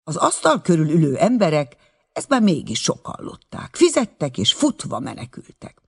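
A man narrating a story in an expressive reading voice. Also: on the high side, gravelly, slightly rough. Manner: expressive, wide-ranging reading. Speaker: audiobook narrator. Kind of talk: read-aloud storytelling.

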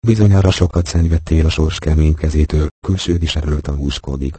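A scheming younger brother who speaks with soft, false gentleness, as a man reads him in an audiobook. Very deep, dark tone with a husky edge. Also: fairly even intonation, no room sound. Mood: falsely gentle. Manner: soft, smooth, feigned sympathy. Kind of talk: audiobook reading.

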